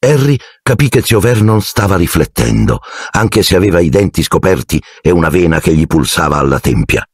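A man reading an audiobook in a theatrical, expressive scripted narration. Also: low-pitched, moderate pace, husky, dry recording, studio quality.

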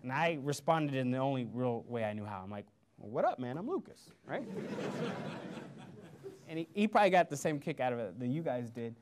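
A man's voice: medium pitch, brisk, a little hiss or hum. Man from Missouri, speaker at a lecture, storytelling, acts out quoted lines, motivational. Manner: storytelling, animated quoted voices. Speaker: guest speaker. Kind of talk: motivational speech. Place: lecture hall before an audience.

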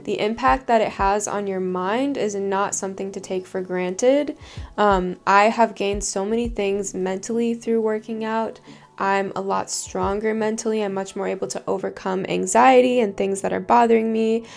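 A woman in her twenties, a fitness vlogger, talking in an earnest, relaxed way with plenty of "like" fillers. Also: mid-range voice, moderate pace, vocal fry. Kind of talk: casual advice vlog. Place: bedroom, home studio and parked car.

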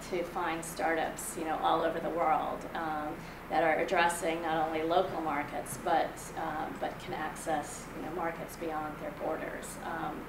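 A woman in her forties from Kenya, giving a conversational conference presentation with many ums and restarts. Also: lowish voice. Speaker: venture investor giving a talk. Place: meeting room in front of a projector screen. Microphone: room mic from a distant camera. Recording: echoey room, far from the mic, audible room noise.

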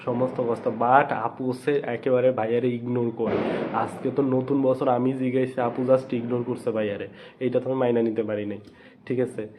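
A man hosting a casual live stream, chatting with viewers and scolding them, talking quietly so he won't wake others. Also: medium pitch, little pitch movement, moderate pace. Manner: talking quietly because others are asleep. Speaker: live stream host reading viewer comments. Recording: slightly dull, noisy live stream audio. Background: background noise, firecrackers.

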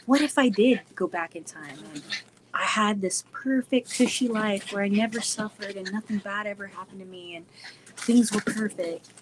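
A woman's voice: mid-range voice, moderate pace, a little hiss or hum, low-quality recording. A woman who laughs often and talks in a goofy, chatty way, answering her viewers' questions. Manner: chatty with many fillers. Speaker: wrestler vlogger answering fan questions. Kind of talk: casual chat to viewers.

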